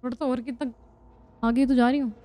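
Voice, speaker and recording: A woman's voice: sits high, steady tone, fairly quick, mellow. A young woman giving casual, joking gameplay commentary, chatty and prone to squealing laughs when scared. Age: young adult. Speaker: gaming vlogger.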